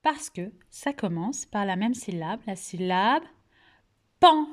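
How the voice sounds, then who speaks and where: A woman with a French accent teaches little children over video, taking her time with every word. She speaks in a measured, unhurried rhythm and articulates each syllable with care. She asks patient questions and praises the answers. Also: medium pitch, lively intonation. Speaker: kindergarten teacher. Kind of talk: remote phonics lesson for young children.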